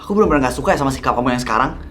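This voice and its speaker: A man's voice: medium pitch, animated, rapid-fire, a bit bright, slight background noise, lightly acted. A man voicing a young woman who pleads with her boyfriend in a dubbed youth drama, sounding exasperated. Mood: pleading, exasperated. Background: background music.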